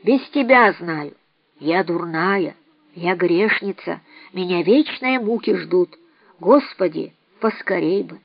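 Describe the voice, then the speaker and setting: A woman voicing a weary, bitter old woman who talks low, grim and blunt, in an audiobook reading. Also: lively intonation, slow pace, vocal fry, dry recording, heavily acted. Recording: dry, slightly dull recording.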